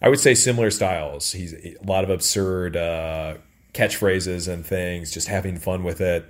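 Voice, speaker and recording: In a very noisy recording from a stadium radio booth, a deep-voiced American announcer from St. Louis talks at a normal speed. He calls soccer play-by-play on radio and here relaxes as an interview guest, trading candid personal anecdotes.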